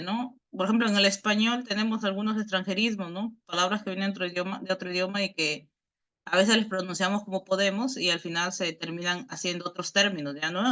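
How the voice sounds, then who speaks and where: Teacher, explanatory Bible lesson, bright sharp tone, middle pitch, constant questioning "right?", repeats words while thinking, video call mic. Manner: explains patiently, tags nearly every phrase with a questioning "right?".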